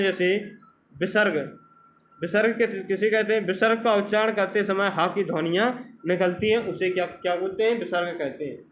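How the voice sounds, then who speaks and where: A man's voice: sits high, a little hiss or hum, low-quality recording. A male teacher giving an exam-prep grammar lesson, asking questions and answering them himself, drawing out the sounds of letters.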